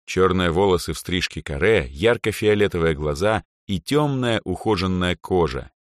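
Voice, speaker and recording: A man narrating a fantasy audiobook in a low voice that rises and falls with lively expression. His reading is clear and storytelling-minded. The recording is dry and close. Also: moderate pace, no echo. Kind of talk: scripted narration.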